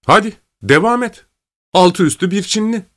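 A gruff, impatient sergeant barks his lines in a high, strained voice, as a male narrator puts him on. He sounds loud and short-tempered throughout. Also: lively intonation, moderate pace. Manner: loud, raised, barking. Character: gruff impatient French sergeant, adult man.

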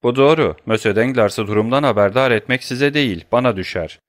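A man's voice: mid-range voice, fairly quick, dry recording, clean studio sound, close to an everyday voice. A man voicing a stern, commanding nobleman disguised as a priest, reading an audiobook. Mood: probing. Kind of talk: audiobook character voice.

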